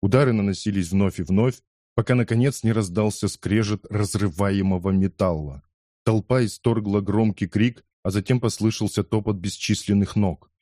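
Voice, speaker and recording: Low dark-voiced male storyteller. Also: normal speed, no echo, studio quality. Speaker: audiobook reader. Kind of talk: scripted first-person narration.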